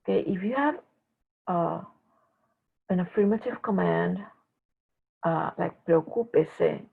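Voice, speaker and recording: A woman teaching a language class in a recorded lecture, explaining slowly with frequent filler pauses. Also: fairly low pitch, gravelly, slightly rough. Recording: tinny phone-like lo-fi audio.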